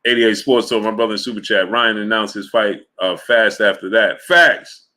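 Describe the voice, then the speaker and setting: A man's voice: fairly low pitch, moderate pace. A man hosting a sports live stream, chatting casually, reading out super chats and retelling stories with lots of laughter. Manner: animated storytelling, reads super chats, laughs often. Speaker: sports channel host.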